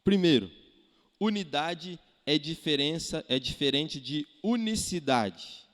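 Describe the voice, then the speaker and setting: A Brazilian man preaching a sermon as pastor, animated, firing rhetorical questions and acting out quotes. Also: on the high side, slow pace. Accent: Brazilian Portuguese. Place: church hall. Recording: echoey church hall.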